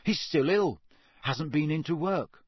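A man's voice: fairly high pitch, a little slow, breathy edge, no echo, studio quality, voice pushed up. A man voicing Harry, a teenage schoolboy who speaks bluntly and flares into anger, in an audiobook reading. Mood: plain. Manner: blunt, angry. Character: teenage schoolboy hero, blunt and hot-tempered.

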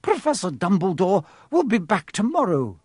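A man's voice: wildly swooping pitch, moderate pace, slightly rough, no room sound, studio quality, heavily acted. A man voicing a strict older female professor with a clipped, stern manner. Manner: clipped, stern, raised pitch.

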